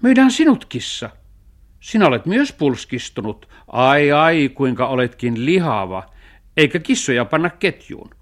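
A man voicing a thrifty, sensible male cat in a children's radio story, talking in a dry, reasoning way with a sharp tongue. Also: medium pitch, very animated, pitched above the performer's own voice, lightly acted. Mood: scheming.

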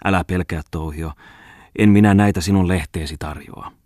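A man's voice: low voice, darkish tone, no echo, clean studio sound, close to an everyday voice. A man reading as a pompous reciting poet. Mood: confiding. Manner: declaiming rhymed verse with swelling emphasis. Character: pompous young male poet reciting mocking verse.

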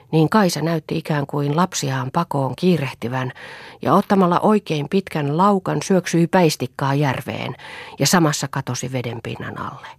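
A woman reading an audiobook as a calm storyteller, in scripted narration. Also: very deep voice, no room sound, clean studio sound. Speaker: audiobook reader.

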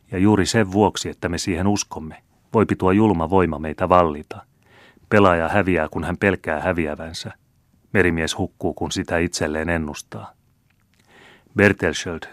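Brief: low-pitched man, solemn audiobook narration, dry close recording. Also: no echo. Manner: measured and solemn. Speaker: audiobook reader. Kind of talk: scripted narration.

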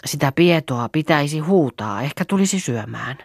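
A woman reading the part of a quiet, patient farm master in an audiobook, lowering and slowing her voice. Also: lively intonation, husky, no echo, clean studio sound, exaggerated voice. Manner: low, quiet, slow.

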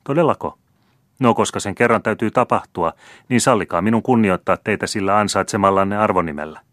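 A man's voice: on the low side, fairly bright tone, dry recording, studio quality, voice pushed up, lightly acted. Man voicing a haughty young count. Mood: contemptuous. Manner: haughty, mocking. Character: arrogant, scornful young male count.

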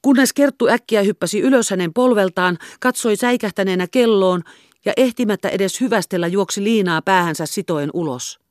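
A woman reading a classic novel aloud in steady, measured audiobook narration. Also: mid-range voice, dry recording, clean studio sound. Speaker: audiobook reader. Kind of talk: scripted narration.

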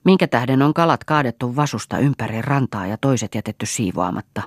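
A woman's voice: extremely low pitch, lively intonation, husky, no room sound, studio quality, exaggerated voice. A woman voicing a bitter, spiteful old mother-in-law who scolds venomously, in an audiobook. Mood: scolding.

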